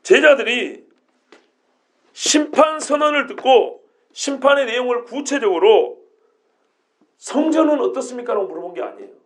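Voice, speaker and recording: A male pastor preaching an expository sermon, animated, throwing rhetorical questions at the congregation. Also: extremely high pitch, normal speed.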